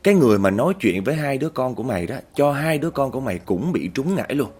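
A man playing a gruff middle-aged female shaman who gives curt orders. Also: mid-range voice, sing-song, very fast, darkish tone, pitched above the performer's own voice. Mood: firm.

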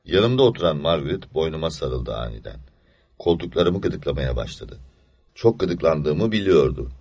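A man reading an audiobook story aloud in a measured, low-key storytelling manner. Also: very animated, gravelly, a little mellow, breathy edge, no echo. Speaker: narrator.

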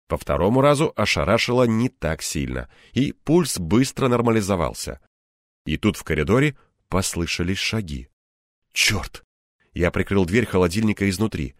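Мужчина читает аудиокнигу от первого лица, выразительно проживая напряжённые моменты. Голос пониже среднего, с живой, подвижной интонацией, а запись сухая, без отзвука комнаты. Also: male voice, sits low, no echo, studio quality. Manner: expressive, acts out tension. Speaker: audiobook narrator. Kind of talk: first-person audiobook narration.

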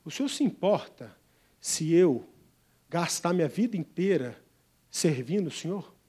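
A man voicing a freed enslaved woman who pleads softly and humbly in a sermon story. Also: a little high, animated, unhurried, husky. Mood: humble pleading.

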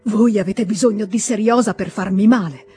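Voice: mid-range voice, moderate pace, dark tone, breathy edge, soft background music. A reader voicing a distraught young aristocratic wife, pleading and agitated, in an audiobook reading. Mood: bitter, pleading.

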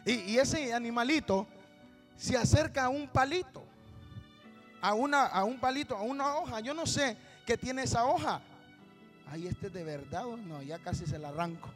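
High, gravelly-voiced male preacher. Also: moderate pace, soft background music. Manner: storytelling, building to shouted exhortation; calls listeners "hermano" constantly. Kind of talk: sermon. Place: church.

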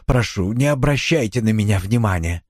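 A man's voice: on the low side, lively intonation, normal speed, no room sound, studio quality. A man voicing an overwhelmed young woman who speaks breathlessly and tremulously through tears. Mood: tearful.

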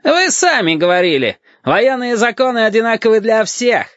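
A man's voice: extremely high pitch, very animated, normal speed, fairly bright tone, no room sound, pitched above the performer's own voice, exaggerated voice. A man voicing a panicky adult navy lieutenant who shrieks and blusters, in an audiobook reading. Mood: mocking. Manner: screechy, blustering, barking orders. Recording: dull, dry audiobook recording.

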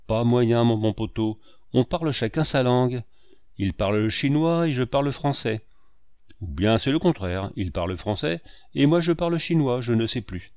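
A man's voice: medium pitch, expressive, normal speed, a little mellow, clear, resonant tone, no echo, lightly acted. Man reading a proud, pleading painter. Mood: dejected. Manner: earnest, emphatic. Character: proud, impassioned male painter, hurt and pleading.

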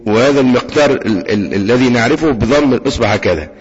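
A man with an Egyptian accent teaching Quran recitation rules, patiently asking the class questions, answering them himself and chanting examples slowly. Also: medium pitch. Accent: Egyptian Arabic. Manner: demonstrates recitation with slow drawn-out chanting. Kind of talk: tajweed lesson. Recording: dull lo-fi recording with long reverb.

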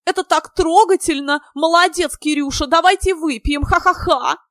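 A woman voicing a boisterous young man who shouts his jokes and roars with laughter. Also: extremely high pitch, normal speed, dry recording, clean studio sound, voice pushed up. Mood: rowdy. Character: loud guffawing young man, boisterous joker.

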